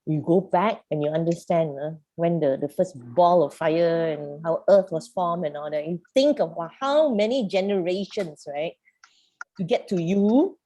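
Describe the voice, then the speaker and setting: Woman facilitator on a video call, slightly low, mellow voice, emphatic, rhetorical. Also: moderate pace. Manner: emphatic, full of rhetorical questions. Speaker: youth program facilitator. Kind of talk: animated group coaching.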